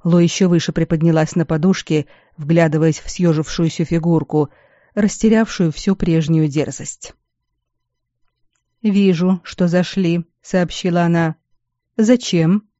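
A woman narrates a story in a calm, measured way. Her voice is warm and mellow. The recording is dull and lo-fi, close and dry. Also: deep voice, dry recording. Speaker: audiobook narrator. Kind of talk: scripted narration.

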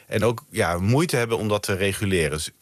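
A man's voice: lowish voice, expressive, fairly quick, dry recording. A Dutch-accented man, a researcher guest on a night radio interview, explaining thoughtfully with many fillers and restarts. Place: radio studio. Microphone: studio mic.

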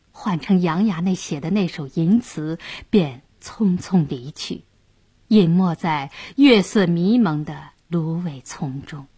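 Slow, expressive husky woman storyteller. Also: on the low side, no room sound. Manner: expressive, dramatic, unhurried. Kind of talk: traditional Chinese storytelling narration.

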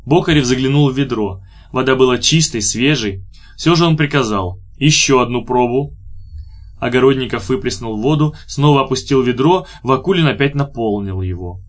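In scripted audiobook narration, a man with a medium-pitched voice keeps a steady, evenly paced reading delivery.

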